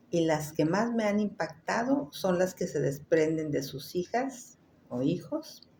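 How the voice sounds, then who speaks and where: A woman author speaking about her writing in a composed, deliberate way over a video call. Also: sits low, mellow, a little hiss or hum.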